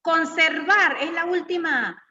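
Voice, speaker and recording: A high-voiced, middle-aged woman, guest speaker at a church women's meeting, preaches informally and slowly, weaving in personal stories. She's lively and homey, teasing the women before her and firing questions right at them. The lo-fi, dull recording carries a long church-hall echo.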